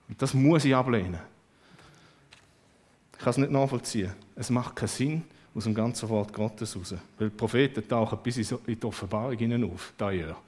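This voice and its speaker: A man preaching a sermon, lively and emphatic, with sudden swings in loudness. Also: medium pitch.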